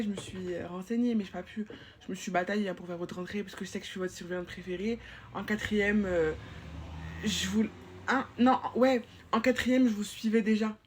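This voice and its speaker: A woman's voice: mid-range voice, slight background noise, close to an everyday voice. A woman playing a chatty, bossy young school supervisor in a comic POV sketch, rambling and teasing in slang.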